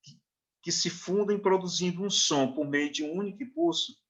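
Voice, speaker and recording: A man's voice: sits high, animated, moderate pace, a bit bright, highs cut off. A man with a Brazilian Portuguese accent teaching a recorded literature lesson, checking in often with short questions and reading verse lines out syllable by syllable. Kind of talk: recorded online lecture.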